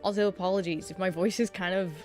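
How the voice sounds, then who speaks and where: A woman streamer chats casually with her viewers while setting up a 3D model, her voice still sounding sleepy. She talks fast at a medium pitch with fairly even intonation, rambling loosely, swearing freely and laughing often. Soft music plays faintly in the background.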